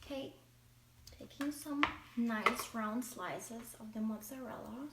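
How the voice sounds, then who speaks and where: A German-accented cooking vlogger chats casually through a demonstration in her home kitchen, now and then searching for the right English word. Her voice is on the high side and slow, and the echoey recording, made with a distant mic, has heavy background noise and clattering dishes.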